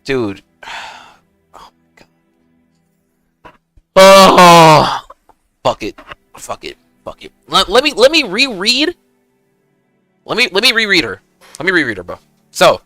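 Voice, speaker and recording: Young male streamer, hyped gamer bro, bright forceful voice with big pitch swings, casual and sweary. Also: no echo. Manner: hyped gamer-bro slang, swearing, peppering talk with "bro" and "dude". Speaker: game streamer. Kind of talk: casual livestream chat and gaming commentary.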